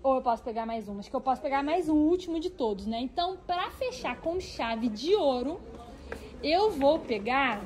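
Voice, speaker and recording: With slight background noise around her, a woman whose voice is high chats to her vlog audience in a Brazilian Portuguese accent. She's animated as she browses a stationery store and talks to viewers along the way.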